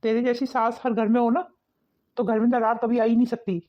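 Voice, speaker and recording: A woman's voice: a little high, flat delivery, a little fast, natural voice. Woman voicing a cartoon father-in-law, older, fair, advising, muffled recording. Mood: calm. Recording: dull lo-fi recording.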